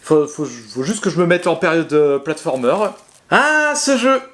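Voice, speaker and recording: A man's voice: a little high, sing-song, a little slow, fairly bright tone. A man casually showing his video game collection to his viewers, chatty and hesitant, with many fillers, restarts and self-mocking laughs. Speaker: gaming video creator. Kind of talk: casual talk to camera.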